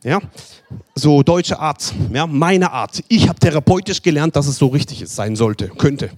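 A man's voice: on the high side, moderate pace. A man preaching a sermon, pleading with listeners and acting out short dialogues. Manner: pleading, repetitive, addresses listeners directly; animated, acts out short dialogues in other voices.

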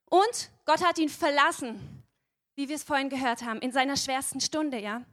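Woman preaching a sermon, high voice, earnest, keeps asking the congregation questions. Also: moderate pace, a bit bright. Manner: earnest, addresses listeners directly with questions; tag questions "ja?".

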